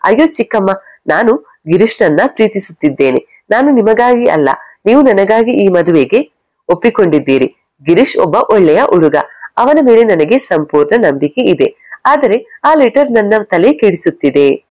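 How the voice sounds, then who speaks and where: A woman's voice: medium pitch, sing-song, moderate pace, darkish tone, dry recording. A woman voicing an earnest young bride-to-be, speaking in a heartfelt way in a storybook reading.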